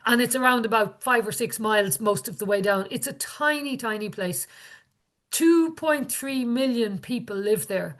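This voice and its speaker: A woman's voice: on the high side, a bit bright. A woman with a west of Ireland accent giving an informal public talk as an activist, earnest and repeating phrases for emphasis. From Galway, west of Ireland. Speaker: activist speaker.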